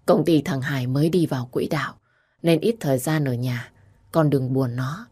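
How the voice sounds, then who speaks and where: A frail, kindly old father, put on by a woman narrator, speaks softly and tiredly in a low voice. He comes from a storybook reading. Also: moderate pace, husky. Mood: gentle. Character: frail, gentle old father-in-law, ill.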